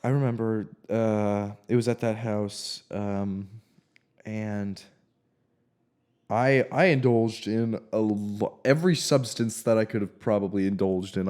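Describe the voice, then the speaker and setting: A young man in college, co-hosting a casual podcast chat, telling stories with frequent laughs. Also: fairly low pitch. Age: young adult. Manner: laughs often, animated storytelling. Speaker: podcast co-host.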